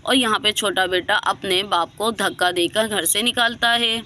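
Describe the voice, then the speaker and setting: A woman narrating a moral bedtime story in a slow, plain way. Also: mid-range voice, bright, forceful tone, slight background noise.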